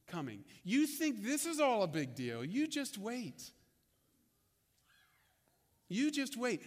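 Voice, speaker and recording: A man with a notably high voice delivers a sermon to his congregation. His delivery is conversational and unpolished, with frequent restarts and repeated words. The sound carries the long reverb of a large church hall. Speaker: pastor.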